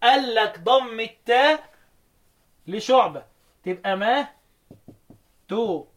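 A man with an Egyptian Arabic accent teaching Quran recitation. He quizzes his listeners with quick questions and then chants the verses slowly. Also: high voice, fairly bright tone. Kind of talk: lecture explaining recitation variants.

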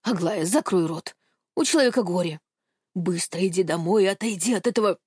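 A woman's voice: fairly low pitch, a little fast, a little mellow, husky, no echo, studio quality. A woman voicing a stern, hostile old grandfather who commands and hisses threats. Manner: commanding, hissing.

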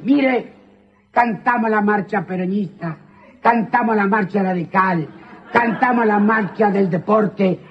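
A man telling a comic monologue, acting out the people he quotes, while an audience laughs. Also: high-pitched. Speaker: comedian doing a monologue. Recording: dull archive recording with loud hiss.

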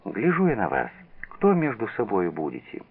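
A plain-spoken village widow, kind and weary, who speaks her mind to rough men, as a man puts her on with a voice lifted above his own gravelly low tone. It comes over a tinny old radio broadcast with a narrow, phone-like sound. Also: huge pitch swings, moderate pace, full character voice. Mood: sad, warm.

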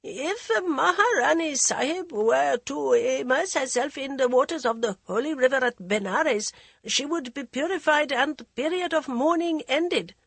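A man's voice: very high voice, measured pace, vocal fry, fairly bright tone, dry recording, voice pushed up, exaggerated voice. A woman voicing a timid male minister with a thin voice and a slight stutter. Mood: hesitant.

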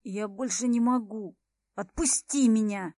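A woman's voice: on the high side, a little slow, warm tone, dry recording, studio quality. A woman voicing a cowardly young man who shrieks and pleads in panic. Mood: panicked.

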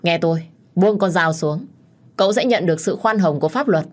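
A woman voicing a police officer who negotiates for a hostage in a firm, brisk, official manner. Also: lowish voice, darkish tone, natural voice. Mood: negotiating.

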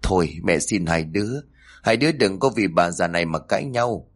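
A man's voice: deep voice, lively intonation, normal speed. A man reading aloud, voicing a frail, bedridden elderly mother in a family storybook tale who speaks weakly and pleadingly. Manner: weak, pleading.

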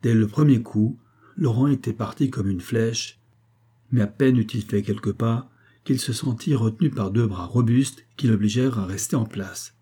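A man narrating a classic tale as an audiobook, in a measured storytelling manner. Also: medium pitch, dark tone, breathy edge.

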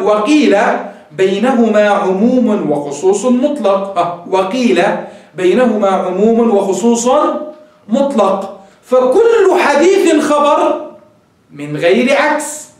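A male sheikh giving a classroom lecture on hadith terms, asking his students questions and answering them himself. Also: high-pitched. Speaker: sheikh teaching hadith terminology. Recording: very echoey room, voice from far off.

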